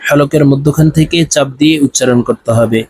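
A man teaching Arabic letter sounds, chanting each syllable in a slow, drawn-out drill and pausing to explain how to pronounce them. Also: on the high side, darkish tone, slightly rough. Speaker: Quran reading teacher.

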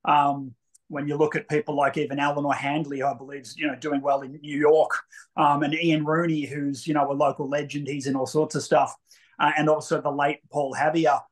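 An enthusiastic man in his forties talking over a webcam. His voice sits a little high, and he keeps things chatty and eager. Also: level tone, fairly quick. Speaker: co-producer and actor. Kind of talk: casual interview on a video call. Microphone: video call webcam.

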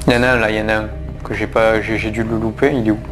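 A man's voice: fairly low pitch, level tone, racing, music in the background. Chatty man narrating gameplay. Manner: chatty, addresses viewers, frequent fillers and restarts. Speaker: gaming YouTuber. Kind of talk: casual let's-play commentary.

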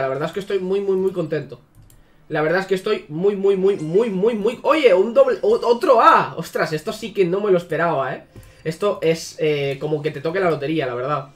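A man's voice: high-pitched, fast, faint music behind. A man giving casual, sarcastic commentary on a mobile game, swearing freely. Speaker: gaming YouTuber.

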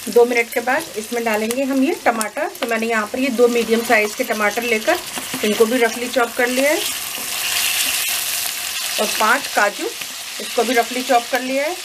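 A woman explaining a recipe step by step in a calm, instructive voice-over as cooking show host. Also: a little high, normal speed, heavy background noise. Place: home kitchen.

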